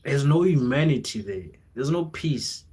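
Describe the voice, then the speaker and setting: A young South African livestreamer and content creator chats informally and rambles motivationally, using plenty of slang, repeating phrases for emphasis and slipping into local languages. His mid-range voice is darkish with a breathy edge, lively in intonation and a little slow.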